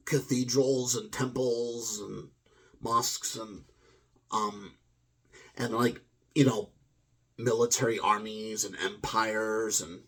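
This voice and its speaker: A man's voice: lowish voice, a bit bright, husky. A man giving a rambling, hesitant video game review, full of fillers and restarts as he wanders between thoughts. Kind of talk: rambling spoken review monologue.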